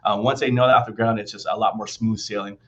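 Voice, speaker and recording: A man's voice: lowish voice, steady tone, fast, fairly bright tone, lo-fi sound. A man hosting a podcast interview, eager and agreeable, often stammering into restarts as he talks. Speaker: podcast host. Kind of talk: casual interview talk.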